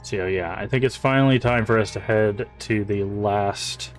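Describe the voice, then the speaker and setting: Male game streamer, deeper voice, laid-back running commentary, soft mumbled asides. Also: moderate pace, faint music behind. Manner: relaxed, chatty, mumbles asides. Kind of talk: casual live-stream commentary.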